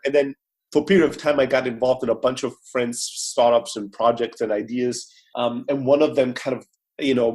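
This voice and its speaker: A man with a husky, slightly rough voice and a middling pitch talks energetically as a podcast guest. His talk flows quickly with frequent fillers and restarts, heard over a remote call. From Greece. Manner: fast, energetic storytelling with many fillers. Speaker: startup CEO guest. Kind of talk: podcast interview.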